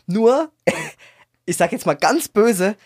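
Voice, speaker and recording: Male co-host, slightly high voice, reflective and searching, dry podcast mic. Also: big pitch swings, slow pace, no echo. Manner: reflective, searching for words with restarts. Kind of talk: casual chat. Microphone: podcast microphone.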